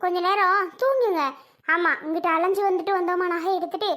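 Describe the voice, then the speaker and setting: A woman playing a practical middle-aged wife who briskly scolds her husband in a home-made family drama skit. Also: very high-pitched, steady tone, fairly bright tone. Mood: scolding.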